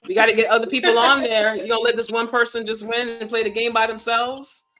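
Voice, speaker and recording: A woman's voice: fairly high pitch, level tone, quick pace, bright, forceful tone, soft background music. A woman co-hosting a casual livestream, hyping up the audience and often repeating her words. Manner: hyping, encouraging, repeats herself. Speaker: co-host.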